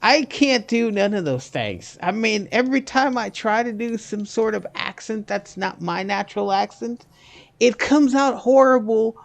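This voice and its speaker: A gaming streamer with a high-pitched, gravelly, animated voice chats at an unhurried pace in a casual livestream. He rambles and jokes around as he talks to his viewers.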